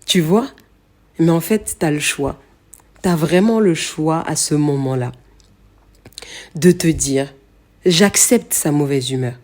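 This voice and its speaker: A young woman with a mellow, warm voice hosts a motivational podcast. She talks straight to the listener in casual everyday speech. She repeats words often and fills her pauses. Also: sits low. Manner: speaks directly to the listener, frequent fillers and repetitions. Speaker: podcast host.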